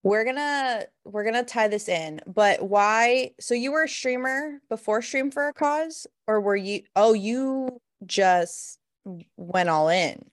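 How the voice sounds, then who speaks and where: A woman's voice: fairly high pitch, slow pace. A young woman hosting a podcast, playful and chatty with casual slang. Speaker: podcast host. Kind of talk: casual interview conversation.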